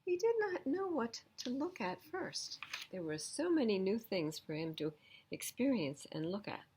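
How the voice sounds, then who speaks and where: At a library storytime, a woman reads a picture book aloud to children, her medium-pitched voice swinging widely in pitch at a slightly slow pace. She explains the pictures and adds gentle conversational asides for the young listeners, with a little hiss or hum in the recording.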